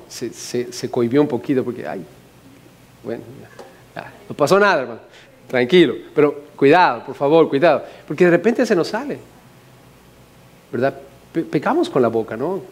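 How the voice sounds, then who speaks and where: Brief: Mexican male pastor, fairly high voice, lively and joking, firing rhetorical questions at the pews. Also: normal speed. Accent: Mexican Spanish. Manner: animated, humorous, asks the congregation many questions. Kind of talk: sermon.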